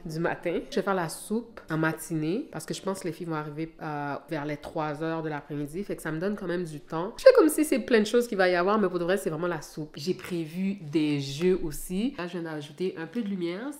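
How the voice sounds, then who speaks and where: A woman's voice: lowish voice, expressive, fairly quick, hardly any pauses, echoey room. A woman with a Quebec French accent, chatting casually to camera at home in a vlog and slipping English phrases into her talk. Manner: chatty, mixes in English phrases, frequent fillers. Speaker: vlogger. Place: home, indoors.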